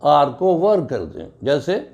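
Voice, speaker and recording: A man's voice: fairly high pitch, sing-song, slow, gravelly, a little mellow, lo-fi sound. A man teaching an English grammar lesson, spelling words out letter by letter and explaining each rule step by step, with a Pakistani accent. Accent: Urdu-flavored Pakistani English.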